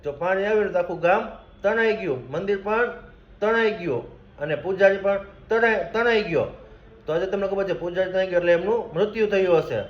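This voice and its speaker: High-voiced man telling a moral story. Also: fairly quick. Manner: plain, conversational retelling with direct asides to listeners. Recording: echoey room, slightly dull sound.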